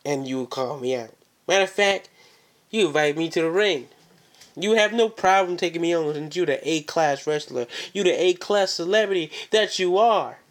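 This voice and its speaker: Man, wrestling promo, slightly high pitch, confrontational, boastful challenge to an opponent, repeated phrases. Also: moderate pace.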